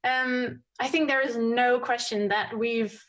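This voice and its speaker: A woman giving a conference presentation with slides, talking quickly with frequent fillers and self-corrections. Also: fairly high pitch, fairly even intonation, fairly bright tone. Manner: fast-paced with frequent fillers and restarts. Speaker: conference speaker. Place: conference stream.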